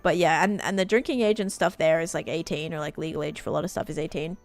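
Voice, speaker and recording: A woman's voice: deep voice, fairly even intonation, fast, faint music behind. Chatty woman rambling on stream. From Australia. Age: late 20s. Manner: rambling, chatty, full of fillers. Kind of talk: casual chat while gaming.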